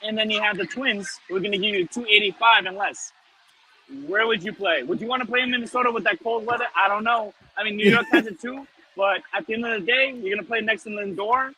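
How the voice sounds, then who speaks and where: A man's voice: high voice, fast talker, pushed and bright, rough recording. A man co-hosting a casual sports fan discussion in an emphatic manner. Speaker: sports show co-host. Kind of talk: casual baseball fan talk. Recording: noticeable background ambient noise.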